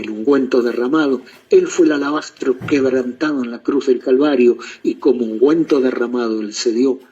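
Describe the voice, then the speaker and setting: Husky, dark-voiced Argentine preacher. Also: male voice, mid-range voice. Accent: Argentine Spanish. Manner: emotional, pausing preaching with swings in loudness. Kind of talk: sermon with quoted readings. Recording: muffled dull recording.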